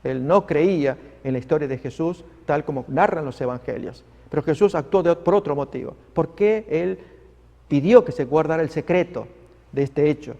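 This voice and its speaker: A man's voice: fairly high pitch, moderate pace, creaky, warm tone, in a large hall, highs cut off. A male preacher delivering a sermon, emphatic and vivid, addressing listeners as friends.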